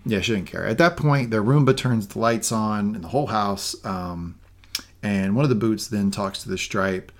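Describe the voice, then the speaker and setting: A man's voice: fairly low pitch, normal speed. A man from the southern United States co-hosting a podcast, recapping an episode in a rambling, casual way with frequent restarts. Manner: rambling, with many restarts and fillers. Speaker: podcast co-host.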